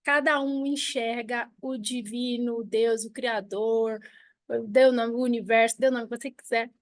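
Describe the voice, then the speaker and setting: A Brazilian woman in her forties with a Brazilian Portuguese accent, teaching a live online lesson with personal stories and an animated, talkative manner. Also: on the high side, normal speed, no echo, clean studio sound. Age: 40s. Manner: animated, talkative, frequent restarts and laughs.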